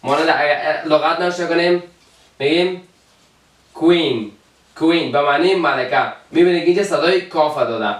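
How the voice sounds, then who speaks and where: A man with an Afghan Dari accent teaching English letter sounds, repeating each example word slowly. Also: a little high. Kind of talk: alphabet pronunciation lesson. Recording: roomy, from a distance.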